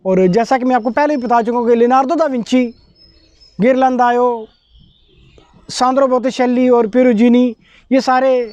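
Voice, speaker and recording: Mellow-voiced man explaining unhurriedly. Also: extremely high pitch, fairly even intonation, normal speed, long pauses, dry recording. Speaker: video presenter on art history. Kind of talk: casual explanatory monologue. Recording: dull lo-fi dry recording.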